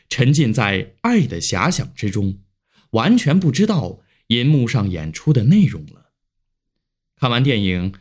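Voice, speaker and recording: Male storyteller, mid-pitched, emotive reading with a wide swinging melody. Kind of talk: expressive story narration.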